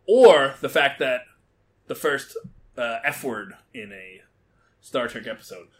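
A man's voice: medium pitch, expressive, slow pace. A man in his forties calling in to a podcast, talking casually and hesitantly, with many ums and restarts. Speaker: podcast caller. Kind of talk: casual chat.

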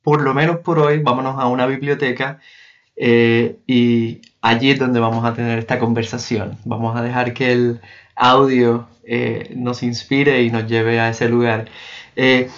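Halting male podcast host, lo-fi sound. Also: mid-range voice, fairly even intonation. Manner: halting, lots of filler sounds. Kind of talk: interview questions. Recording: dull lo-fi audio.

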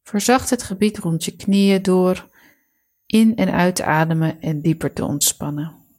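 A woman leading a guided relaxation meditation, giving calm, soothing, measured instructions. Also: fairly low pitch.

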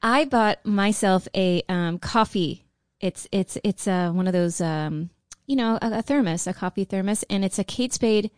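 Middle aged woman cohost, casual gushy chat, agrees a lot, mid pitch, dry close sound. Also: measured pace, no room sound. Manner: effusive, agreeing often. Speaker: podcast co-host.

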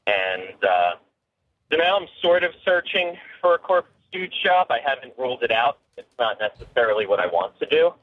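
A man's voice: mid-range voice, big pitch swings, brisk. A man calling into a show on a speakerphone from his car, chatting casually with lots of ums and uhs. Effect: phone line on speakerphone. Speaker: caller. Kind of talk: casual call-in chat. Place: in his car on a snowy road. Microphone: phone on speaker. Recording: tinny phone line from a car.

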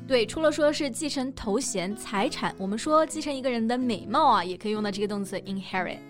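A woman's voice: on the high side, a little fast. A woman co-hosting a bilingual language lesson, explaining word meanings step by step. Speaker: co-host and English teacher. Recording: faint music underneath.

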